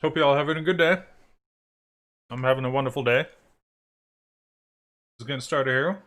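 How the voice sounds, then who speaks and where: A man hosting a livestream, talking in a relaxed, unscripted way at a mid-range pitch. His sentences wander and restart, full of "like" and "uh", as he greets viewers and shares opinions. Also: normal speed. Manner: conversational, loose phrasing with fillers. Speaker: livestream host. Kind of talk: casual livestream commentary.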